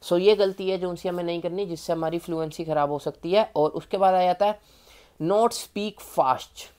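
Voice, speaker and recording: Indian guy doing a chill exam tips tutorial, mellow voice, talks to you like a buddy. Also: high voice, fairly even intonation, normal speed, clear, resonant tone. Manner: chatty and informal, calling the viewer "yaar" and "bhai". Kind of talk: casual spoken tutorial.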